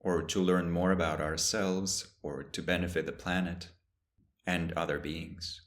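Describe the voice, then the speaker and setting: The voice belongs to a man teaching meditation, very deep and low, unhurried and calm. He speaks in short phrases separated by long pauses, his tone remaining soft and steady all along.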